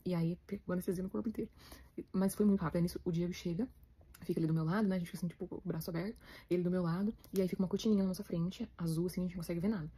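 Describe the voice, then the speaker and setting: A Brazilian woman with a Brazilian Portuguese accent, chatting to her viewers in a rapid, emotional way as she retells her story. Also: lowish voice, fairly even intonation, mellow, breathy edge. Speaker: vlogger, new mother.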